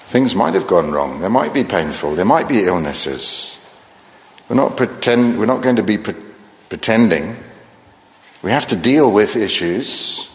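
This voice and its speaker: A man delivers a sermon in an earnest, measured way, tossing in rhetorical questions to his listeners. His voice sits slightly low. The sound carries a long reverb, as if in a large hall. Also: animated. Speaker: preacher.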